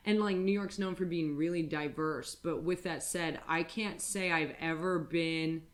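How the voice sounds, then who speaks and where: A woman co-hosting a podcast, chatting casually with frank, crude storytelling, many fillers and restarts. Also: sits low. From United States. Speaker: podcast co-host. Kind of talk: casual chat.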